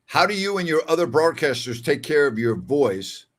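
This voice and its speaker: An older sports talk show host with a fairly bright, high-sitting voice and big pitch swings speaks at normal speed. He reads listener messages on his casual call-in program, emphatic and conversational, repeating lines for emphasis.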